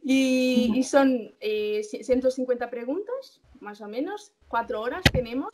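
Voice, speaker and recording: A woman's voice: high voice, unhurried, a little mellow. A young woman in her twenties, a resident doctor being interviewed, explaining steps casually with many fillers and self-corrections.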